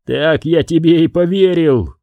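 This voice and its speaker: A man reading an audiobook, voicing an enraged young man who snarls and shouts curses. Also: on the high side, a little slow, dry recording, phone-quality sound, voice pushed up. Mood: snarling. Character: enraged young man, bound and gagged, cursing.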